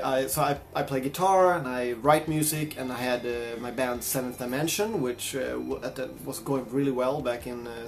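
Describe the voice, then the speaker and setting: A man from Sweden, telling a personal story in a casual, reflective vlog. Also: medium pitch. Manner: reflective, chatty. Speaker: vlogger and guitarist.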